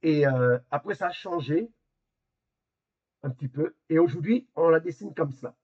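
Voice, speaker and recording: A man's voice: a little high, lively intonation, moderate pace, slightly rough, muffled recording. A man teaching a Hebrew lesson over a video call, explaining hesitantly and repeating words as he goes. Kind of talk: online class explanation.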